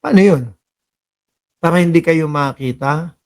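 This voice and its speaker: A man from the Philippines hosts political reaction commentary in a fairly high voice. He is sarcastic and animated, scolding the people in the clips. He also reads viewer comments aloud. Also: measured pace.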